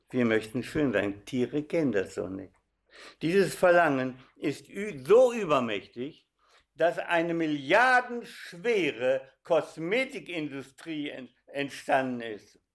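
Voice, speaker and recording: A man's voice: medium pitch, gravelly. An older man giving a sermon, telling stories and speaking directly to his listeners. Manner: animated storytelling, addresses audience directly. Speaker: preacher.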